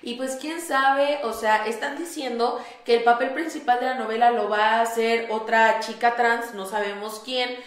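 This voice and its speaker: Woman, Mexican accent, young adult, gossip co-host, chatty, fillers, fairly high, echoey studio. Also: fairly even intonation, normal speed, few pauses. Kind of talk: casual gossip chat. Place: small studio on a pink sofa. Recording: roomy echo.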